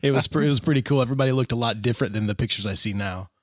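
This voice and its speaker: A man's voice: medium pitch, rapid-fire, dry recording, clean studio sound. A forty-year-old man from Indiana hosting a casual interview, chatty and laid-back, calling his guest dude and man. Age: 40s. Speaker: podcast host. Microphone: phone line recording.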